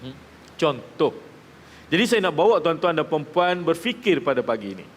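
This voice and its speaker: Malaysian Malay preacher in a reverberant hall. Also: male voice, fairly high pitch, sing-song, moderate pace, a little hiss or hum. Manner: addresses the audience directly, asks checking questions; acts out quoted people in his stories. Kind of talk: religious talk to a live audience. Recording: reverberant hall with faint ambience.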